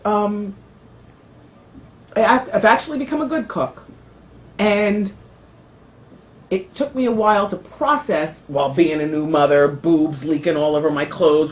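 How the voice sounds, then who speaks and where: A woman talk show host telling a personal story in casual chat, animated and emotional. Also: mid-range voice, poor audio.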